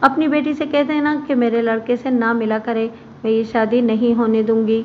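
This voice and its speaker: Storybook mother played by a woman, strict, cold, bossy, high-pitched, slightly muffled sound. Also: flat delivery, normal speed, lightly acted. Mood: stern. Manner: commanding, cold. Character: stern strict older mother, controlling. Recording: muffled with faint background hiss.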